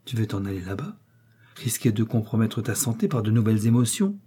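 Brief: man playing an aristocratic prince for an audiobook, quiet and caring. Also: on the low side, very animated, brisk, a little hiss or hum. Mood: tender concern. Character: proud aristocratic prince, tender with his wife.

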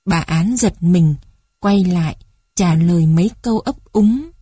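A woman calmly narrating a novel in an audiobook. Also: lowish voice, husky, no room sound. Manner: calm, measured. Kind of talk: novel reading.

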